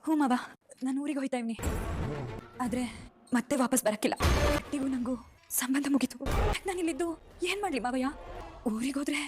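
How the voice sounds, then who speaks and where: An actress in a TV serial playing a wronged, divorced daughter-in-law who is leaving home, resigned and quietly hurt. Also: female voice, high-pitched, fairly quick, pauses often, lightly acted. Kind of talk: TV serial acting. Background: background music score.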